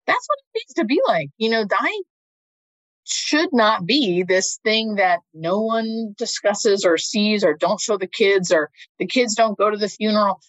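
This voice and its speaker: A woman's voice: medium pitch, lively intonation, measured pace, no echo, poor audio. A woman speaking as an interview guest, a hospice nurse talking casually and thinking aloud as she checks for agreement.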